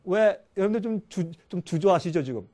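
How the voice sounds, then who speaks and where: A man's voice: high voice, animated, brisk, warm tone. A middle-aged man preaching a sermon as a pastor, asking his listeners questions and acting out the voices he quotes. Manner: acts out quoted voices, asks the congregation questions.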